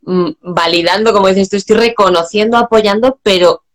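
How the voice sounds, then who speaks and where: A woman's voice: medium pitch, moderate pace. A woman and mother of four talking casually about her children, quoting what she says to them. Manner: anecdotal, quotes her own words. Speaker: professional speaking as a mother. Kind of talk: casual conversation.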